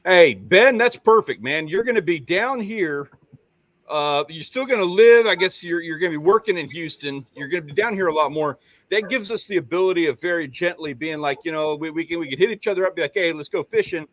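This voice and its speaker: A man's voice: on the high side, lively intonation, fairly quick, no echo. A man co-hosting a casual fishing livestream, rambling and self-deprecating as he greets viewers by name. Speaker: livestream co-host. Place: home on Padre Island.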